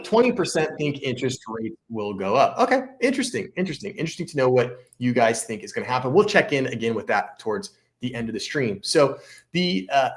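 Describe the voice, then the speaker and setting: Chatty, sarcastic male livestream host. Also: medium pitch. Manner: chatty, sarcastic asides, frequent restarts. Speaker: realtor hosting a live stream. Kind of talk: casual live-stream commentary.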